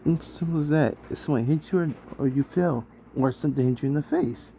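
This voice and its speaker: A man's voice: medium pitch, brisk, creaky, mellow, a little hiss or hum. A young man giving casual, incredulous commentary while reacting to a video. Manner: incredulous, chatty asides.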